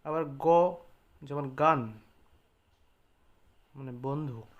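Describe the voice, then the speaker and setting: A man teaching an English lesson, slowly spelling out letters and example words one at a time. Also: fairly high pitch, steady tone, a bit bright. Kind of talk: slow spoken English lesson.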